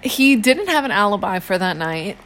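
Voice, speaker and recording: A woman's voice: mid-range voice, sing-song, a bit bright. A woman co-hosting a podcast, telling a true crime case in a casual, slangy chat. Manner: chatty, slangy, acts out police in quick asides.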